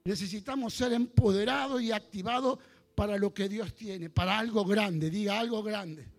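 A man in his sixties from Argentina, with an Argentine Spanish accent, preaching a sermon and leading his congregation in fervent call-and-response prayer that builds to shouting. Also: high voice, normal speed, faint music behind. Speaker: pastor.

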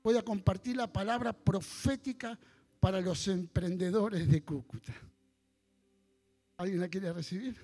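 A man in his sixties from Argentina, with an Argentine Spanish accent, preaching a sermon and leading his congregation in fervent call-and-response prayer that builds to shouting. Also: sits high, a little slow, pauses often, soft background music. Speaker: pastor.

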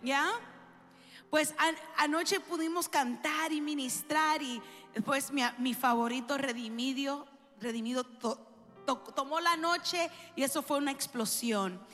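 A middle-aged woman with a high, bright speaking voice shares her testimony from the stage of a large church. She talks warmly and directly to the crowd, drawing them in with questions. Her voice rings through an echoey hall, with soft music playing behind her. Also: a little slow. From New York. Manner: warm, engaging, questions the audience. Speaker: worship singer.

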